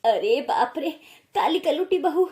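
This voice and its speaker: A nosy, gossiping aunt, voiced by a woman in an animated storybook, loud and full of mockery. The voice rides fairly high and rises sharply when she jeers. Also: unhurried. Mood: mocking.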